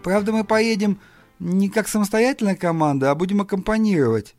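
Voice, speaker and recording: An eager young musician talks fast and persuasively, as a man voices him. His tone sits a little high and keen. Soft music plays under the audiobook. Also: no room sound, natural voice. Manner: excited, persuasive. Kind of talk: audiobook dialogue reading.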